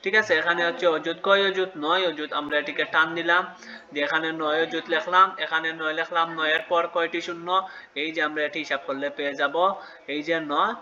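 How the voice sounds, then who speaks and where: A man's voice: a little high, fairly even intonation, fairly quick, pushed and bright, highs cut off. A man teaching a children's math lesson step by step, patiently asking questions and answering them himself.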